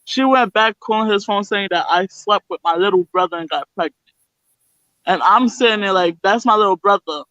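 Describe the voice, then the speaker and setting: A woman's voice: medium pitch, moderate pace, fairly bright tone, dry recording, lo-fi sound. A young woman guest telling her own story bluntly and candidly, swearing freely. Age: young adult. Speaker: interview guest.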